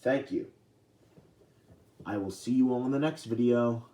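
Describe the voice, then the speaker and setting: A man's voice: medium pitch, warm tone. Rambling young man in an echoey room. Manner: rambling, halting with many fillers and restarts. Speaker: vlogger. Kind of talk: casual talk to camera. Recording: echoey room, distant from mic.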